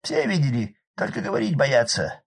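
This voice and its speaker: A man voicing a hoarse, garrulous drunken village man who fusses, crosses himself and rambles excitedly in a storybook. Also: mid-range voice, normal speed, pitched above the performer's own voice, full character voice. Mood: agitated fussing. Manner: rambling, excitable, pious muttering. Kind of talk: audiobook character voice.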